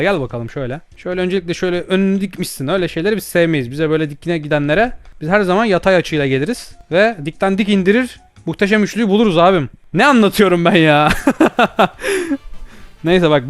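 Brief: young male gamer, high voice, rapid-fire teasing commentary, faint music underneath. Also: smooth. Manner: excitable, teasing, bursts of shouting and laughter. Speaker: gaming YouTuber. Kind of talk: playful VR gameplay commentary.

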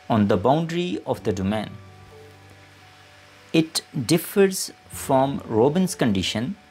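A man reading a scripted maths lesson as lecturer, in deliberate short phrases as if dictating. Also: mid-range voice.

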